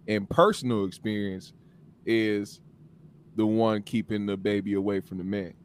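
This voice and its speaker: A man's voice: fairly low pitch, fairly even intonation, normal speed, clear, resonant tone. A young man co-hosting a casual podcast, talking things through in a reflective way. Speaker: podcast co-host.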